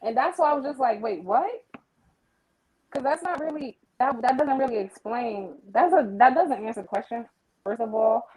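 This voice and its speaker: A woman's voice: on the high side, lively intonation, moderate pace, darkish tone, poor audio. A woman speaking over a group voice chat connection, making pointed, articulate arguments in a casual debate. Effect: heard through a group voice chat connection. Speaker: participant in a live audio chat.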